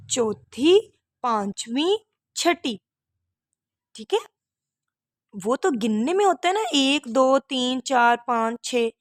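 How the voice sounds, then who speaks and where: A woman's voice: a little high, dry recording. A woman teacher reading a story and then explaining a lesson to children, patiently repeating difficult words. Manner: addresses pupils as "beta".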